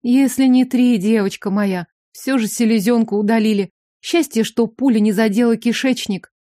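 A woman voicing a calm, motherly older woman in an audiobook. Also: a little high, normal speed, no echo, studio quality, natural voice. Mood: reassuring.

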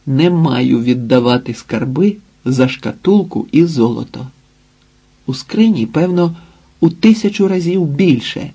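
A man voicing Ilia, a husky anxious young man. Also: fairly high pitch, lively intonation, unhurried, dark tone, full character voice. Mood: fretful.

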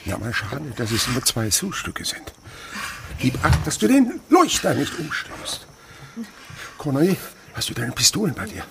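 An old miser, sly, stammering, gravelly, lively swings in pitch, radio drama. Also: male voice, fairly quick, background noise. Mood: bossy. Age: older. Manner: sly, stammering, drops to whispers. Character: stingy old male miser, scheming wine merchant. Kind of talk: radio play acting.

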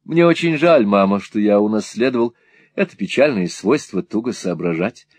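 A man doing a calm, patient young man. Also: fairly low pitch, moderate pace. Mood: gentle. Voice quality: calm and gentle.

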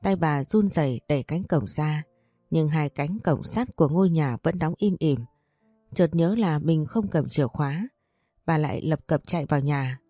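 A woman reading a story in a steady, measured manner. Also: deep voice, no room sound, soft background music. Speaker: narrator. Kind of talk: scripted audiobook narration.

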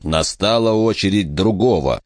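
A man narrating an audiobook in a steady, measured reading. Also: lowish voice, dry recording, clean studio sound.

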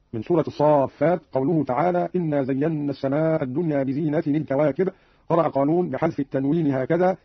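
A man's voice: on the high side, vocal fry, husky, dry recording. A man presenting a formal, scripted explanation of Quran readings, quoting verses in a short chant. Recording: dull old radio recording.

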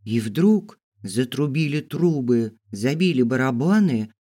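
A man narrating an audiobook in a steady storytelling voice. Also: mid-range voice, a little slow. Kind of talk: scripted narration.

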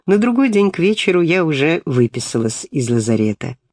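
A man narrating a story from a book in a gentle, expressive reading voice. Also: fairly high pitch, fairly quick, dry recording, clean studio sound. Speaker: audiobook reader. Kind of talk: scripted narration.

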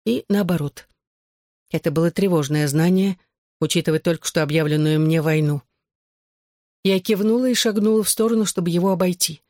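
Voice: mid-range voice, a little mellow, no room sound. Audiobook narrator, first-person novel, tense delivery, dry close mic.

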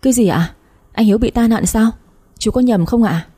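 A woman's voice: on the high side, moderate pace, dark tone, husky, pitched above the performer's own voice. A woman reading aloud, voicing a frightened young daughter who speaks tearfully. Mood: alarmed. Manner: tearful, pleading.

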